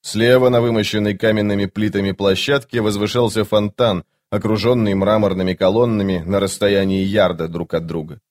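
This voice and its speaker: A man narrates a fantasy audiobook at a measured, steady pace. His voice sits somewhat low for a man.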